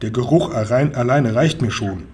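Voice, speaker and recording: A man voicing a timid young boy in a storybook reading, with a high, stuttering, whimpering voice. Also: moderate pace, a little mellow, husky. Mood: frightened. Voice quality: high, wailing.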